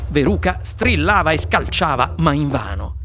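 A woman reading a children's novel aloud as an expressive audiobook narrator. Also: sits low, normal speed. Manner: expressive storytelling. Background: music.

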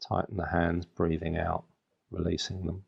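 Male meditation guide, very creaky and husky, unhurried short phrases, flat delivery. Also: low-pitched, highs cut off. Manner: soothing, unhurried instruction in short phrases with long pauses.

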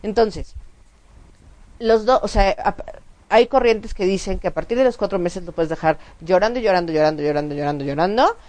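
A woman's voice: mid-range voice, moderate pace. A woman, co-hosting a casual chat show and explaining points at length with frequent restarts. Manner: animated, explanatory, many restarts and fillers. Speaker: co-host.

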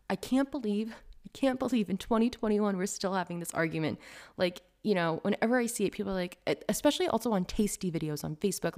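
A young woman who is a vegan food blogger, chatting casually to camera in an animated, ranting way full of "like" fillers. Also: on the low side, gravelly.

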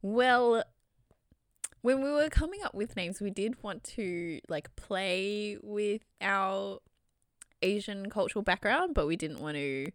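Lively, teasing young Australian woman. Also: medium pitch, slow, smooth, dry recording, studio quality. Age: 20s. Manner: teasing, laughs often. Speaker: podcast co-host. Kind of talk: casual chat.

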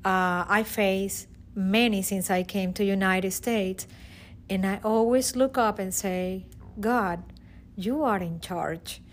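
Speaking slowly in a mid-range voice, this woman shares a heartfelt personal testimony full of restarts. She is a middle-aged teacher from Venezuela, a guest with a Venezuelan Spanish accent.

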